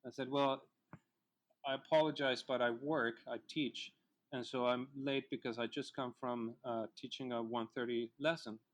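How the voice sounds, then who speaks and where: A middle-aged man from Colombia, a native Spanish speaker, telling his life story as a guest in a relaxed interview. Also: medium pitch, normal speed. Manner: reflective storyteller, many fillers. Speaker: filmmaker guest. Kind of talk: casual interview chat.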